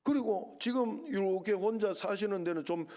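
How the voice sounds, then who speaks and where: His voice high and mellow, his pace moderate, a middle-aged pastor from the Gyeongsang region preaches on Sunday in a Gyeongsang Korean accent. The sermon is conversational and packed with rhetorical questions and side remarks.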